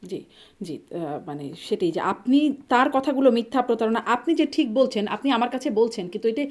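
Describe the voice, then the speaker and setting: A woman's voice: a little high, expressive, a little fast. A woman hosting a talk show, asking probing, challenging questions of her guest. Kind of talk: interviewing.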